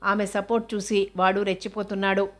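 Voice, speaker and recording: A woman reading the part of a gentle teenage student who talks softly and worries about her family. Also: medium pitch, little pitch movement, fairly quick, close to an everyday voice. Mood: worried.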